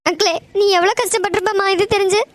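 A woman voicing a shrill, stubborn cartoon mother. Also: fairly even intonation, fast, no echo. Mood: hurt insistence. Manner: pleading, argumentative, insistent. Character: upset middle-aged mother, stubborn and grieving. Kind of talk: cartoon voice acting.

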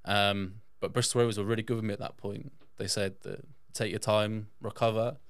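A man with a lowish voice and little pitch movement speaks briskly and smoothly, with no echo. He's a podcast guest from England, born in Yorkshire and raised in the south-west, casually sharing personal stories in an interview.

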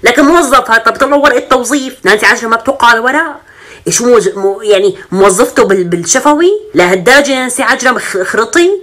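A woman's voice: fairly high pitch, lively intonation, fairly bright tone. A woman delivering a sarcastic, indignant opinion rant. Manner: sarcastic, indignant, rapid-fire. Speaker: social media commentator.

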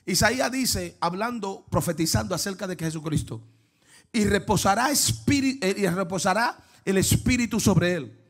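A male pastor preaches in a high, bright-pitched voice. He swings between near-whispered asides and loud shouted exclamations. He keeps asking the congregation questions as he goes. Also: lively intonation, normal speed. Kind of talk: lively Pentecostal sermon.

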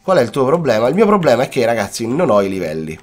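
With big pitch swings and a fast, slightly mellow mid-range voice, a young Italian man delivers playful Let's Play commentary for his YouTube gaming audience. He addresses viewers directly, sprinkles in English words and sounds cough-worn, with faint background music.

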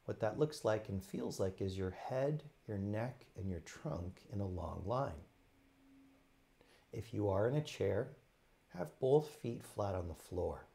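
As a teacher, a man leads a guided meditation in a fairly low, gravelly voice with lively intonation. He speaks gently and without hurry, using short phrases broken up by pauses.

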